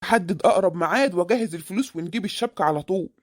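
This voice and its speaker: A woman's voice: fairly low pitch, very fast, a little mellow, no room sound, studio quality, lightly acted. A woman voicing a scheming middle-aged married man in a comic cartoon, with an Egyptian accent and a sweet-talking, evasive manner. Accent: Egyptian Arabic.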